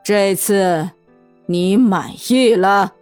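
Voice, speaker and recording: A man's voice: high voice, very slow, a little mellow, dry recording, pitched above the performer's own voice. A man voicing a cold, commanding old grandmother who heads the family, in a dry audiobook reading with faint music under it. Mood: cold, stern. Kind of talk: audiobook character voice.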